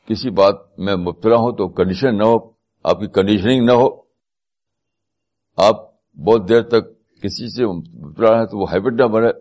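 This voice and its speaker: Lowish-voiced man giving a spiritual talk. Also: darkish tone. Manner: repeats key phrases for emphasis; mixes English terms into his speech. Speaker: religious speaker.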